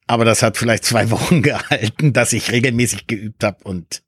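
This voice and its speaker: A man's voice: on the low side, fairly quick, breathy edge, no echo, clean studio sound. Reflective man in a casual chat. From Berlin. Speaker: conversation partner.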